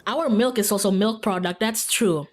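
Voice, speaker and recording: An Indonesian woman chats informally while livestreaming a visual novel, giggling and saying "like" a lot. Her voice is mid-range and she speaks at a normal speed.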